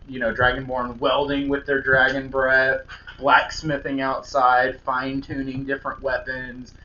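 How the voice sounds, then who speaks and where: A man's voice: medium pitch, sharp tone. A man narrating a tabletop game as game master, describing scenes in a loose way with many fillers. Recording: echoey lo-fi room, faint hum.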